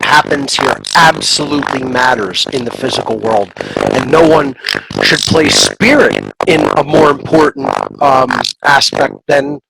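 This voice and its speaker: A man's voice: medium pitch, huge pitch swings, a little slow, gravelly, very noisy. A man teaching natural law over a video call whose audio keeps cutting out, speaking earnestly and repeating himself for emphasis. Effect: choppy audio cutting out. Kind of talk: earnest spiritual discussion.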